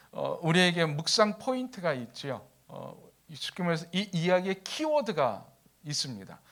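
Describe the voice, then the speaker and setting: A male pastor preaching a sermon in a conversational storytelling way, acting out the quotes in his story. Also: fairly high pitch. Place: church, Friday evening service.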